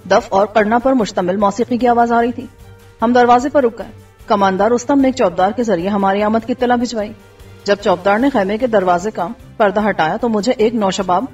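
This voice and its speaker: A woman reading a first-person adventure story aloud in steady scripted narration. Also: mid-range voice, slightly rough. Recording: dull distant recording with faint music.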